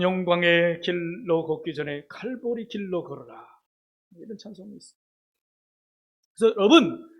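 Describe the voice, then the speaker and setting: Preacher, man, high-pitched, animated storyteller addressing a congregation. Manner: animated, acts out characters, exclaims to congregation. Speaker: pastor. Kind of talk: sermon with storytelling.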